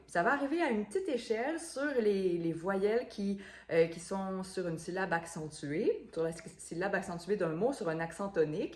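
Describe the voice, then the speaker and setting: Echoey-room woman voice coach. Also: mid-range voice. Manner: explanatory, many fillers and repeated words. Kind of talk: instructional video talk.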